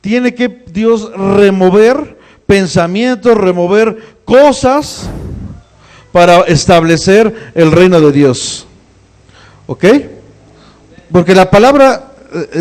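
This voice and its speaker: High-voiced, slow-preaching Mexican pastor. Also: male voice, animated, darkish tone. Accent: Mexican Spanish. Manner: emphatic preaching with rhetorical questions and repeated exhortations. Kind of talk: sermon.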